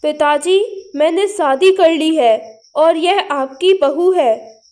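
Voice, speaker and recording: Tired, apologetic young husband, a woman doing the voice, high and slow, cartoon story. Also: a little mellow.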